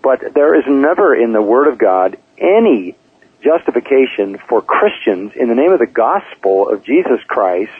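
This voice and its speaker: A pastor speaking on a radio program, measured and full of "uh" fillers, asking and answering his own rhetorical questions. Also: mid-range voice, sing-song, breathy edge. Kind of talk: radio Bible teaching talk. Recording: tinny phone-line radio clip.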